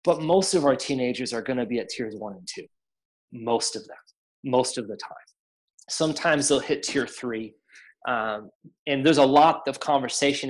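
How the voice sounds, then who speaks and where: A man working as a counselor, calmly explaining in an interview, speaking with frequent ums and uhs. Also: mid-range voice, rough recording. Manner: calm, many fillers, acts out quoted voices.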